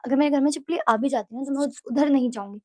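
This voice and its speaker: A chatty young woman from Delhi tells an animated storytime in a high, bright-toned voice. She switches freely between Hindi and English and keeps checking in with her viewers. The recording is close and dry. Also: fast, no echo. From Delhi, India. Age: young adult. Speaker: vlogger. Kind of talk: casual storytime.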